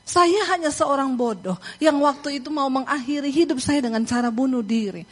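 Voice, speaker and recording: Animated middle-aged woman preaching. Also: sits high, moderate pace. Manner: animated, laughing storyteller, acts out voices. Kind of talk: sermon with storytelling.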